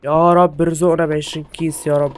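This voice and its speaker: A young man with an Egyptian Arabic accent giving jokey, excitable horror game commentary to his viewers from a home setup. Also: on the high side, fast, a little hiss or hum. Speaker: gaming YouTuber.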